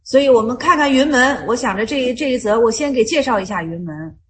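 High-voiced woman teaching Zen stories. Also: expressive, fast talker. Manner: repeats herself, asks rhetorical questions, retells stories in plain speech. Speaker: Buddhist study leader. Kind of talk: teaching Zen koans in casual group study.

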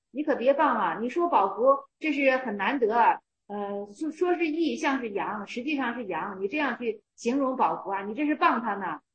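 A woman's voice: a little high, fairly bright tone. A woman teaching classic Buddhist texts as a lecture commentary, repeating her phrases and pressing the listener with rhetorical questions. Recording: roomy, dull lo-fi recording.

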